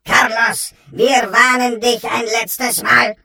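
High squawky parrot yelling thru a megaphone, bright and gravelly, sounds far from the mic. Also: male voice, flat delivery, takes it slowly, full character voice. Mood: commanding. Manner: booming police-style announcement. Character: loud bossy parrot with megaphone. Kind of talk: children's audio story.

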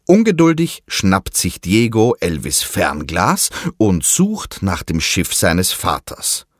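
A man narrating a children's audio story in an expressive storytelling manner. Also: sits low, slow pace, dry recording, studio quality.

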